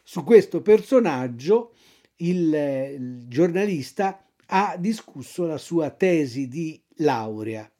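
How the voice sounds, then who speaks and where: A woman storyteller reading a classic tale aloud and sharing trivia, expressive and dramatic. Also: deep voice, slow pace.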